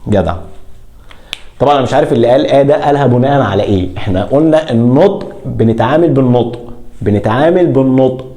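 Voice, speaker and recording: Egyptian man teaching grammar, warm voice. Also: medium pitch, animated. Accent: Egyptian Arabic. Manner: asks and answers his own questions, stretches words out slowly. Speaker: English teacher. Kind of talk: classroom grammar lesson.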